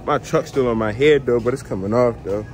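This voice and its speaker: A young man talking casually to his phone camera in a selfie vlog, relaxed and slangy with lots of fillers, at an indoor trampoline park. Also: medium pitch, a little fast, soft background music. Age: young adult. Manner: laid-back slangy chatter with many fillers. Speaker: vlogger. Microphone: phone camera at arm's length.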